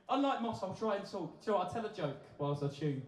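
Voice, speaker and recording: A man's voice: high-pitched, expressive, brisk. An English man performing live in a music venue, singing and chatting with the crowd in rambling, self-deprecating banter. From England. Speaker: singer-songwriter and comedic performer. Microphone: vocal mic, filmed from the audience. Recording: echoey live venue with guitar. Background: guitar and music.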